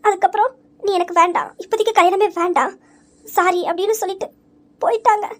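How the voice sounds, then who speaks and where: A woman's voice: very high-pitched, steady tone, fairly quick, a bit bright. A woman voicing a remorseful young woman in an audio story, crying and stammering as she blames herself. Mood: tearful. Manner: sobbing, stammering apologies. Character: remorseful young woman, tearful and self-blaming.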